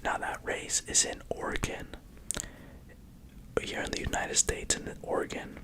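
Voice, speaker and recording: A person whispering an ASMR narration in a hushed, secretive way, like a hobbyist presenting prized animals. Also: unhurried. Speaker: racing pigeon keeper presenting own birds.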